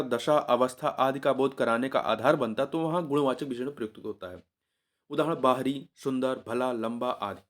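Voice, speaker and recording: A slightly high-voiced man teaches an exam revision lesson. He says each answer over and over in a coaxing tone and sometimes stops mid-sentence to correct himself.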